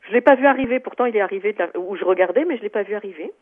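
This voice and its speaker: A woman's voice: medium pitch, very fast, slightly rough. Woman on the phone, lots of euh and restarts, tinny phone-line sound. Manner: hesitant, many fillers and restarts. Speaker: caller. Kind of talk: phone-in personal account.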